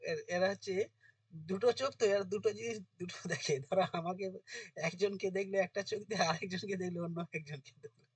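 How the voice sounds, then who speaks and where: A male teacher, dictating notes and quizzing students in an informal lesson, his voice going hoarse. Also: high-pitched, fast talker, no echo, far from the mic. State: voice getting hoarse.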